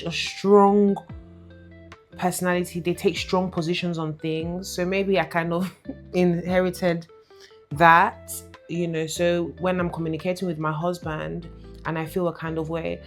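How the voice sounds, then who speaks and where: Casting: young woman from London, lowish voice, direct and explanatory, soft guitar under. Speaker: co-host, wife. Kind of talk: casual couple chat. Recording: soft guitar music behind.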